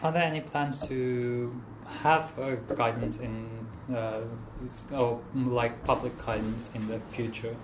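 A man's voice: medium pitch, fairly even intonation, noisy background. Male podcast host. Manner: measured, with hesitant fillers when asking. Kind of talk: scripted intro, then interview questions.

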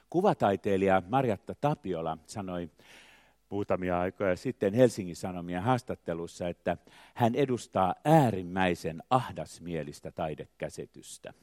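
An older man, an artist, speaking in a slow, measured, poetic way, with phrases that swell in emphasis and then trail off quietly. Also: sits low, no echo, clean studio sound. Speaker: artist, choreographer. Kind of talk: reflective spoken essay with recited poetry.

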